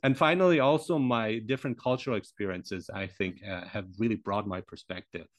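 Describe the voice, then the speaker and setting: Reflective man with many pauses. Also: lowish voice, no room sound. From Iran, raised in Germany. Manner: reflective, hesitant with many fillers and restarts. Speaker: podcast guest, language teacher. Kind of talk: casual interview conversation.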